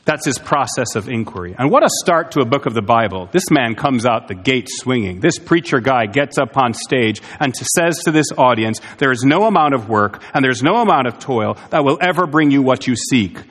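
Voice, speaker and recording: A man's voice: mid-range voice, lively intonation, brisk, few pauses, fairly bright tone. Man preaching in a reverberant church. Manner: earnest, emphatic preaching with rhetorical questions. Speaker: pastor. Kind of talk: sermon. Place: church sanctuary. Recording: long hall reverb.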